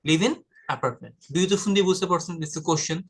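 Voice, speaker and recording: A man's voice: fairly high pitch, normal speed. A man from Bangladesh teaching an exam-prep lesson in a direct, informal way, addressing the viewer as brother. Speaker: IELTS tutor. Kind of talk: casual explanatory lesson.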